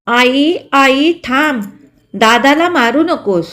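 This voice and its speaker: A woman's voice: high-pitched, expressive, slow pace, a bit bright, voice pushed up, full character voice. A woman voicing a young girl who is anxious and crying as she pleads. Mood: pleading.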